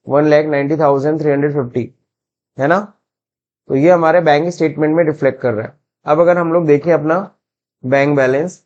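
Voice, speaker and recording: Indian-accented male tutor, fairly high voice, dull lo-fi screen recording, quizzes the class and answers himself. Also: darkish tone. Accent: Indian English. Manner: mixes Hindi and English, asks and answers his own questions. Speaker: accounting software teacher.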